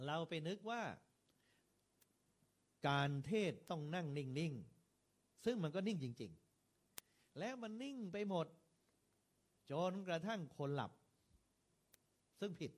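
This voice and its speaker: A man with a slightly raised voice gives a talk to a room of monks. He swings between heavy and light stress and keeps a steady, lively rhythm. He turns to his listeners with direct questions as he goes. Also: on the high side. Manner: varied stress and rhythm, lively rises and falls. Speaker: Buddhist monk lecturer. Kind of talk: lecture to monks on preaching.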